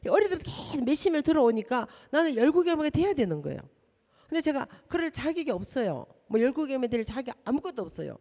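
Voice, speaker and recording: A woman's voice: high-pitched, very animated, fast talker, mellow, in a large hall. A middle-aged woman from South Korea, a missionary preaching a sermon and speaking directly and emphatically to the congregation. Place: church hall.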